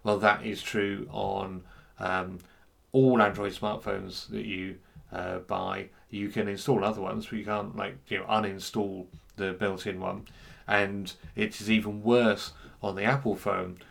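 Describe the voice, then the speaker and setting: A man giving an unscripted talk on software freedom, hesitant and full of fillers and restarts. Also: lowish voice, little pitch movement, unhurried, gravelly. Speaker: speaker on free software.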